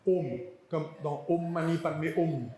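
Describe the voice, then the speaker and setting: A man gives an academic lecture in a voice pitched a little high. He hesitates often and repeats words, dropping in dry asides. The sound is echoey, as in a lecture hall. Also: steady tone, takes it slowly, warm tone.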